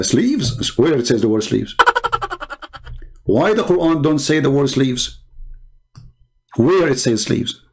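A man hosting a channel and giving polemical commentary in non-native English, mocking and sarcastic, trading insults. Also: mid-range voice. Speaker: channel host and religious debater.

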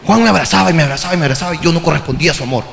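A man with a Peruvian accent telling a comic story as a podcast host, animated and profane, often breaking into shouts. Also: fairly high pitch, very fast, vocal fry, in a large hall, a crowd in the background. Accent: Peruvian Spanish. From Peru.

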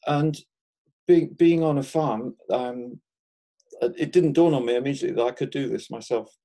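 A man in his sixties from England speaks as an interview guest in an easy, conversational way. His voice is mellow and warm at a middle pitch. He laughs softly between thoughts and often restarts his sentences. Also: moderate pace. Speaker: guest market gardener.

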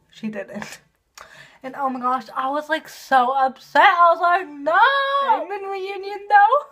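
Woman, high voice, unhurried pace, excitable, gushing, filler-heavy casual review. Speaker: TV episode reviewer.

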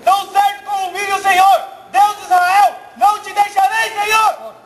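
A man plays an eager, nervous young cadet who shouts his loyal replies in a very high voice. The audience and steady noise can be heard behind him. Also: fairly quick, reverberant, crowd noise. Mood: shouting. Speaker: stage actor. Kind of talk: live church stage comedy acting. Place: church theater stage with live audience.

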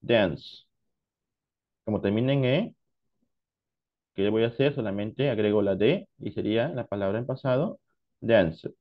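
A man teaching English to Spanish speakers, explaining past tense pronunciation slowly and deliberately, switching between Spanish and English. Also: lowish voice, muffled recording. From Peru. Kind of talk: online class lesson.

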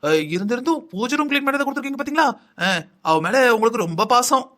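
A man's voice: extremely high pitch, lively intonation, fast, pushed and bright, full character voice. A man voicing a lazy, scheming young wife in a cartoon, whining and complaining in long sing-song lists. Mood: sly. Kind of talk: cartoon voice acting.

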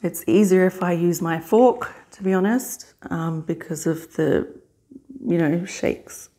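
A middle-aged woman in a casual mukbang vlog, chewing while talking in a halting, unhurried way with pauses to eat. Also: on the low side, mellow. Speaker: vlogger. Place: small indoor hospital room.

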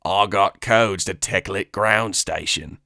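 A man voicing a frightened alien male informant who pleads in broken, halting speech. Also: low-pitched, creaky, pushed and bright, no echo, clean studio sound, full character voice. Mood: pleading.

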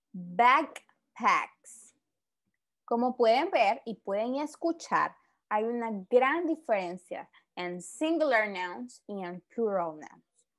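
A woman teaching an English grammar lesson, explaining patiently, repeating example words and often checking with the class. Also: a little high.

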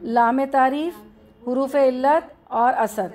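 Speaking with an Urdu accent and a slightly raised pitch, a woman leads a classroom grammar lesson step by step, often posing a question and answering it herself. She takes it slowly, and her tone is darkish.

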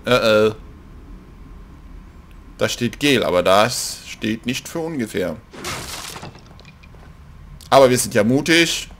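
A man commenting on a horror game in a casual, joking way. He mocks the characters on screen and drops to a hush when his character sneaks. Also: mid-range voice, slow, pauses often, a little hiss or hum. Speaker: let's play gamer.

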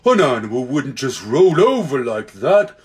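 A man doing a slow, clumsy male bear. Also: mid-range voice, sing-song, a little mellow. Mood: ponderous. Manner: slow, ponderous.

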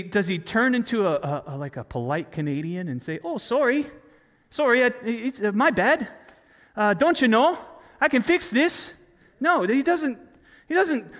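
A man's voice: sits high, a bit bright. A male pastor preaching a sermon, talking to the congregation in a conversational way and asking them questions. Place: church. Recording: long church reverb.

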